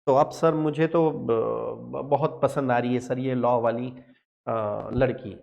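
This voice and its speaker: A man's voice: medium pitch, steady tone, slow, gravelly, darkish tone, dull audio, pitched below the performer's own voice. A man voicing a cheeky young male student who pesters his teacher with playful, whiny questions and keeps saying sir. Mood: eager.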